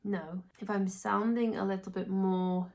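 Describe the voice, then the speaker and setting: Still congested and hoarse after being ill, a young woman from England chats casually on her knitting podcast. The delivery is flat and a little slow, with a mid-range, darkish voice and a rambling habit of restarting thoughts.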